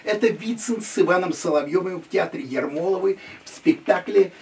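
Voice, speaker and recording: An older man with a gravelly, somewhat high voice talks through a casual tour of his own small museum, moving from picture to picture. He is recorded from a little way off on a handheld camera, with faint room noise behind him. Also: moderate pace, recorded from a distance. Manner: lively, chatty, gesturing at photos. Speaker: private museum owner and guide. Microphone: handheld camera following him.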